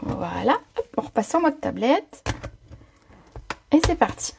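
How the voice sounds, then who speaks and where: On a live-streamed craft tutorial, a woman demonstrates card-making from a home setup using her own mic, with a little hiss or hum audible. Her voice is fairly high, creaky, and a bit mellow, swinging widely in pitch at a measured pace. She chats with lots of fillers and greets viewers by name.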